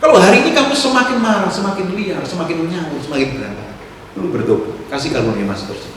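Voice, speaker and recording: A man, a pastor preaching a sermon, swinging from loud exhortation to soft asides. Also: sits high, animated, fast. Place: church hall. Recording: echoey church hall, distant mic, noisy room.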